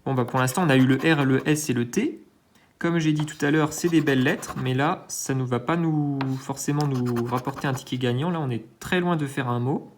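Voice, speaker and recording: A man's voice: mid-range voice, moderate pace, slight background noise. A man hosting his own channel, giving hesitant, think-aloud commentary while scratching lottery tickets, with self-mocking asides and lots of filler sounds. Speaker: scratch-card channel host.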